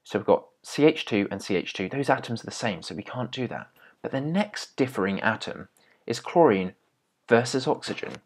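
Here a young man teaches chemistry at a whiteboard in an expressive, medium-pitched voice at a moderate pace. He is a tutor, explaining step by step and patiently, with occasional small restarts.

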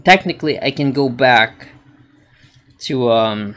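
A man's voice: medium pitch, slow, a bit bright. A man giving rambling let's play commentary, talking to himself with many hesitations as he plays a game. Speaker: gaming channel host.

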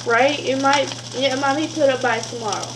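A young woman vlogger with a high voice chats a little fast, with fairly even intonation, through a casual cooking video. Speaking straight to viewers from a small kitchen, she's filmed by a camera on the counter, with frying and sizzling clearly audible behind her.

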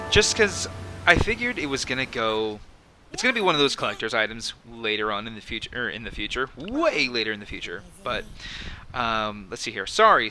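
Chatty guy doing let's-play commentary, lots of ums, game music clear underneath. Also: mid-range voice, sharp tone. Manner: rambling, chatty, many fillers. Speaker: gameplay commentator. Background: video game music.

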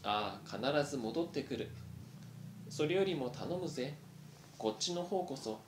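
Man doing a brave young boy mouse, halting and choked up, echoey room. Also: mid-range voice, expressive, noisy background, close to an everyday voice. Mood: resolute. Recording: roomy echo.

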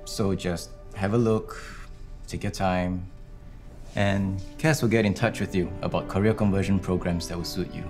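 A man in his thirties playing a calm, helpful career coach who explains things reassuringly in a screen drama. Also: low-pitched, moderate pace, over music. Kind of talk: naturalistic screen drama acting.

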